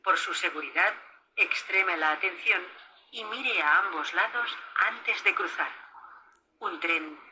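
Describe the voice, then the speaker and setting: A woman reading a formal recorded safety announcement in a measured, even way, heard over a train PA system. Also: lowish voice, a little hiss or hum, low-quality recording. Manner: measured, formal, evenly paced.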